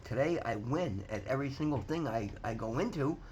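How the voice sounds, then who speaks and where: A man's voice: medium pitch, animated, a little fast, a little mellow, slight background noise, poor audio. A man in his fifties giving an earnest, rambling motivational talk to his viewers, often restarting sentences and repeating words as he goes. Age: 50s. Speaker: vlogger sharing recovery story. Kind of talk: casual motivational talk to camera.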